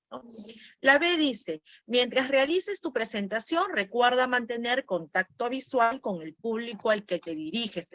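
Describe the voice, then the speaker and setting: A woman's voice: a little high, fairly bright tone, dry recording. Woman teacher repeating key words, dry. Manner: repeats key words, reads out options, names students. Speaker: teacher training instructor. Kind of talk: online class, going over quiz answers.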